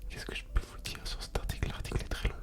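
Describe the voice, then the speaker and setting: A woman hosting ASMR in a soft, unvoiced library whisper, reading aloud and commenting casually. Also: quick pace. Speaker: ASMR video creator and host.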